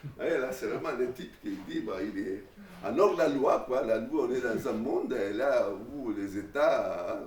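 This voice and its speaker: A man giving an informal classroom lecture, animated, with many restarts and fillers. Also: medium pitch. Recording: echoey room, mic far away.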